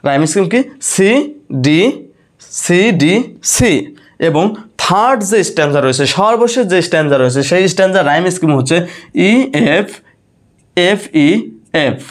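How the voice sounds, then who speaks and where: A man with a slightly high voice gives a lesson on a poem. He keeps asking his listeners a question and answering it himself. English literary terms run through his talk. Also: expressive, a little slow, pauses often. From Bangladesh. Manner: asks questions then answers them himself. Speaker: teacher. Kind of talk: lecture on a poem.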